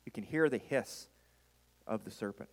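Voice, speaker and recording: A man's voice: fairly low pitch, moderate pace, vocal fry. A man preaching a sermon as a pastor, with an emphatic delivery that leans on dramatic repetition. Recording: reverberant hall.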